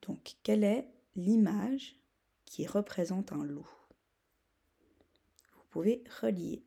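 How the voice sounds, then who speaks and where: A woman's voice: medium pitch, expressive, slow, vocal fry, warm tone, slightly rough. A woman teaching young children to read, patiently spelling out sounds and words. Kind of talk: reading lesson for young children.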